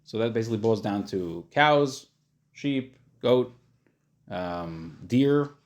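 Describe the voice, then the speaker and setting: A man giving an informal lesson as a rabbi, explaining in plain, casual words and often pausing to search for the next one. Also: lowish voice, expressive, muffled recording. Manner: hesitant, searching for words, thinking aloud; casual, plain-spoken, simplifying. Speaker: rabbi teaching a class.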